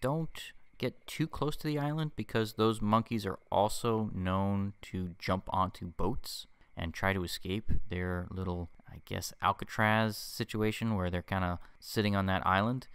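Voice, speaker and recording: A man's voice: on the low side, fairly even intonation, a little slow, hardly any pauses, fairly bright tone, smooth, no echo. A man casually narrating a boat tour voice-over for his travel vlog, chatty and easygoing with self-deprecating asides.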